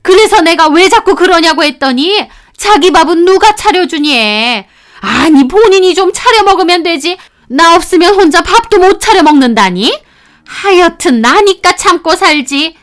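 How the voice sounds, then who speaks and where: A woman's voice: extremely high pitch, expressive, measured pace, fairly bright tone, heavily acted. A woman voicing a nagging, domineering older mother-in-law who scolds her daughter-in-law. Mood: scolding. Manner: scolding, contemptuous. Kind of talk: storytelling radio acting.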